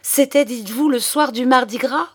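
A woman's voice: sits high, normal speed, slightly rough, pitched above the performer's own voice. A woman reading a novel aloud and voicing a proud young noblewoman who speaks in an imperious, impassioned way. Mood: triumphant. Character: proud young noblewoman, fiercely loyal to fiancé.

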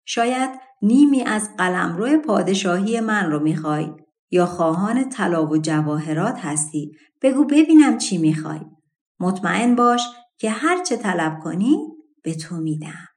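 A woman's voice: mid-range voice, animated, a little mellow, close to an everyday voice. Woman reading as a generous grateful king. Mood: warm, coaxing. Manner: eager, coaxing questions.

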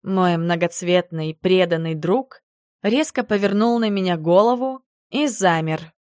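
A woman narrating a first-person audiobook in an expressive manner. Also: lowish voice, measured pace, no room sound, clean studio sound.

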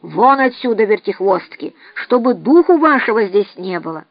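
A woman voicing a quarrelsome, grumbling cook who scolds and shouts, in an audiobook reading. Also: medium pitch, very animated, normal speed, no room sound. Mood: scolding. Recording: dry, slightly dull recording.

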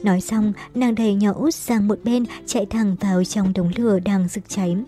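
A female narrator reads a novel for an audiobook in a brisk, dramatic style while keeping her tone steady. Her mid-pitched voice is mellow and dark, with soft music playing faintly in the background.

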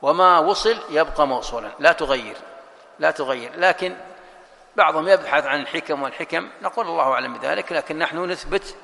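Gravelly, bright-voiced man teaching a text. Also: a little high, quick pace, long reverb tail. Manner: explanatory, asks and answers his own questions. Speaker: sheikh teaching a religious text. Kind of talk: classroom lecture explaining a text.

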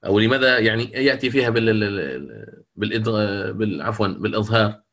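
A middle-aged man teaching the rules of Quran recitation, explaining patiently, reciting words slowly and checking that students follow. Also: on the low side, a bit bright. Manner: closes with a long supplication. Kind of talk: lecture on Quranic reading rules.

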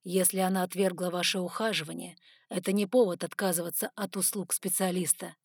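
A woman reading the part of a sharp-tongued male dragon in a storybook audiobook. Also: lowish voice, little pitch movement, fairly quick, slightly rough, no room sound, studio quality. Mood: indignant.

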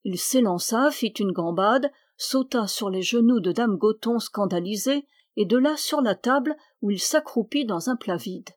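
A woman narrating a historical novel aloud in a measured, expressive reading. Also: medium pitch, no room sound, studio quality. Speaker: audiobook reader.

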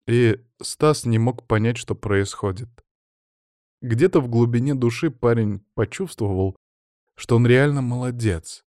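A man giving a measured scripted narration of an audiobook. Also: mid-range voice, a little mellow, no room sound, studio quality. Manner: measured storytelling.

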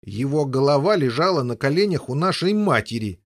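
A man's voice: medium pitch, very animated, brisk, no echo, studio quality. A man reading an audiobook, voicing Agravaine, a cruel older boy with a frantic, wailing delivery.

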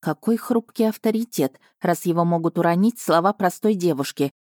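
A woman voicing a sharp-tongued young heroine who teases and mocks her dragon fiancé. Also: lowish voice, expressive, normal speed, no echo, clean studio sound. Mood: teasing. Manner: teasing, sarcastic, indignant. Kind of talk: audiobook character voice.

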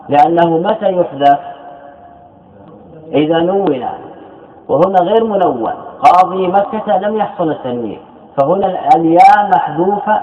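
A male scholar giving a classroom lecture who asks questions, answers them himself, and repeats key phrases. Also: on the high side. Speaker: Islamic scholar teaching grammar. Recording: tinny, echoey lecture recording.

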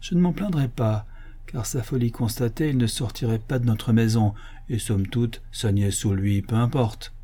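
A man's voice: mid-range voice, normal speed, dark tone, slightly rough, natural voice. Man reading as a stern, scheming abbé. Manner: dry, lecturing and sardonic. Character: stern, scheming male abbé, older cleric. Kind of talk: audiobook reading of a classic novel.

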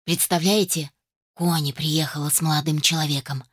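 A woman's voice: low-pitched, steady tone, normal speed, no room sound, studio quality, voice pushed down. A woman voicing a cheerful middle-aged father in an audiobook, hearty and welcoming. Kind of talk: audiobook character voice.

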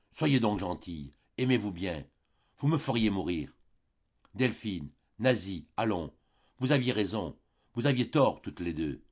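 A man reading aloud, voicing a heartbroken old father who pleads with his daughters in anguished outbursts, in a husky tone. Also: low-pitched, muffled recording, heavily acted.

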